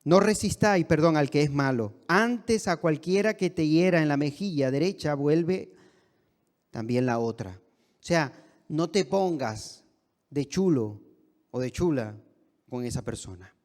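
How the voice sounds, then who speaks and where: A man serving as co-pastor, preaching a sermon in a church with emphatic delivery that moves between soft and raised passages. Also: a little high, expressive, measured pace. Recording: reverberant church hall.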